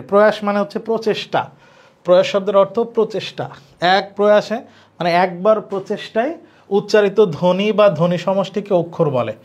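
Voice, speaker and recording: A man teaching an online grammar class, explaining slowly, repeating points and asking his students questions. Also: high-pitched. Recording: dull lo-fi recording.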